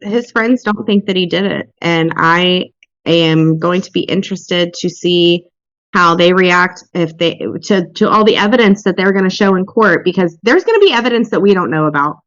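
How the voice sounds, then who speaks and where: A woman hosting a casual true crime podcast chat, blunt and quick to swear. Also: on the low side, expressive, a bit bright, no echo, highs cut off. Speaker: podcast host.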